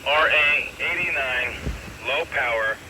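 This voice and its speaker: A man's voice: medium pitch, slow. A man heard over a walkie-talkie, reading out radio test calls through a small two-way radio speaker. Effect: two-way radio playback, digitized. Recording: walkie-talkie speaker audio with background noise.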